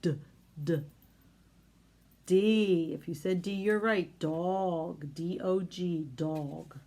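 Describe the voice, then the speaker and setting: A woman teaching young children phonics, slowly modeling sounds in an exaggerated way and asking encouraging questions. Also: on the low side, mellow. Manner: encouraging, question-and-answer talk with pauses.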